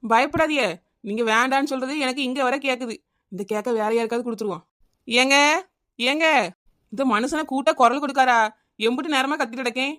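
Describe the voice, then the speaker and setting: A scatterbrained housewife in a comedy cartoon, chattering and wheedling in a Kanyakumari Tamil accent. Her voice is high. She talks fast and keeps circling back to the same name. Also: fairly bright tone. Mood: grumbling. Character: scatterbrained housewife Chinnaponnu, adult woman.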